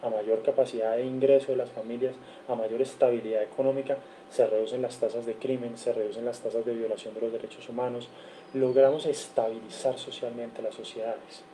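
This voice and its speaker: Over a video call, a Colombian-accented man from Cali delivers an earnest seminar lecture as a guest, reeling off figures and often stopping to correct himself. He speaks fairly quickly at medium pitch in a mellow, level voice, and the low-quality recording carries a little hiss or hum.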